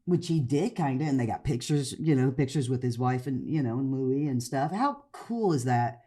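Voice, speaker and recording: A woman's voice: very deep voice, fairly quick, mellow, breathy edge. A woman co-hosting a podcast, chatting casually and telling rambling stories with frequent laughs. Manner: rambling storyteller, laughs often. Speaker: podcast co-host, comedian. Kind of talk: casual chat.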